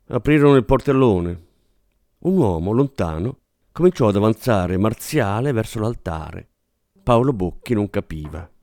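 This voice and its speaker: A man narrates a novel with a lively, dramatic delivery that rises and falls freely. The recording is dry and close to the mic. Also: fairly low pitch, dry recording. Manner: expressive, dramatic, does character voices.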